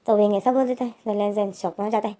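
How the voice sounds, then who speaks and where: Young woman retelling a story, mellow tone. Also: mid-range voice, fairly even intonation, quick pace. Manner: repetitive, strings clauses with "so".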